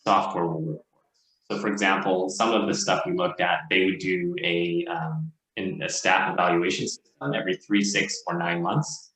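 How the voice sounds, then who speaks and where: Man with a very low voice, halting delivery, over an echoey video call that keeps breaking up. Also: a bit bright. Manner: halting, many fillers. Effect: video call audio cutting in and out. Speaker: manager giving a report at a board meeting. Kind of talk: meeting report. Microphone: computer on a video call.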